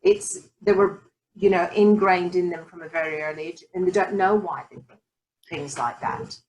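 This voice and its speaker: A woman's voice: fairly low pitch, normal speed, darkish tone, a little hiss or hum, poor audio. An older British woman hosting a casual interview, reflective and encouraging as she talks. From Britain. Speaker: host.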